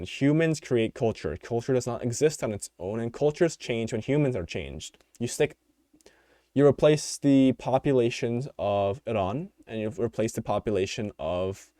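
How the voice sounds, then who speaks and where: Unscripted and rambling, a young American podcast host gives his views alone, filling gaps with fillers and restarting often as his voice wears out. He has a mid-range, darkish voice. The recording is studio quality with no room sound.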